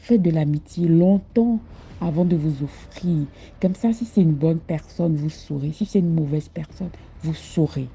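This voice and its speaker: A woman's voice: low voice, a little slow, dark tone, husky. A woman telling her own story in the first person, emphatic and fond of repeating herself for effect, on a dull lo-fi recording. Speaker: caller sharing a personal story.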